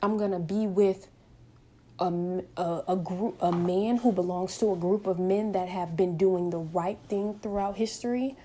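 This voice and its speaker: A woman's voice: mid-range voice, warm tone, a little hiss or hum. A woman in her twenties vlogging from home in an impassioned, emphatic monologue full of rhetorical questions. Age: 20s. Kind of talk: opinionated direct-to-camera monologue.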